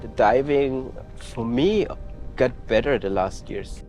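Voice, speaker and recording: Male dive guide, mid-pitched, easygoing interview delivery, faint music bed. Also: slow pace. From Austria. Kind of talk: documentary interview.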